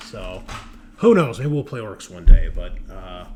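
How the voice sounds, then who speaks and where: A deep, very animated male voice speaks at a measured pace over crowd noise. The host and game master keeps the casual chat lively with slang and lots of swearing, and background noise is noticeable.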